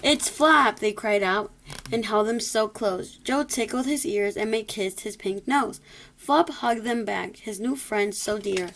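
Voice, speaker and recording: A woman's voice: medium pitch, measured pace, slight background noise. A woman reading a rhyming children's story aloud expressively, occasionally stumbling over a word. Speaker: storybook reader.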